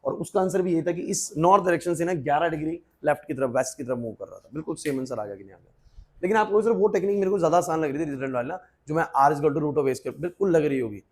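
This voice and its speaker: A man's voice: fairly high pitch, lively intonation, fast, darkish tone. A male physics teacher lecturing a class, quizzing students by name and repeating his questions. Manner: repetitive questions, urging focus.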